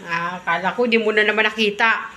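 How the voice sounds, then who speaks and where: A woman's voice: mid-range voice, fairly even intonation, fairly quick, pushed and bright. A woman vlogging in a casual chat, talkative and teasing, often repeating her questions. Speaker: vlogger host. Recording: noisy background with passing vehicles.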